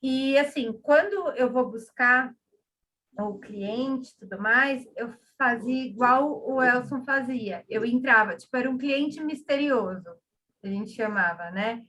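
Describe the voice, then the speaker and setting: A woman's voice: a little high, a bit bright, a little hiss or hum. A woman, a business owner explaining her work hesitantly in casual chat. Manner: hesitant, fills with pauses. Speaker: business owner seeking advice. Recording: distant from the mic.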